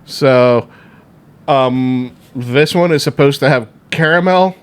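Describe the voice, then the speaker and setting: A man's voice: medium pitch, slow, smooth. A man as a guest reviewer on a casual whiskey podcast, easygoing as he reads out tasting notes.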